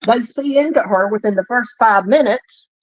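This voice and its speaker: A woman's voice: a little high, moderate pace, no echo. A woman co-hosting a livestream in casual gossip commentary, snarky and teasing, laughing at her own jokes. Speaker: livestream co-host. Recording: dull dry lo-fi stream audio.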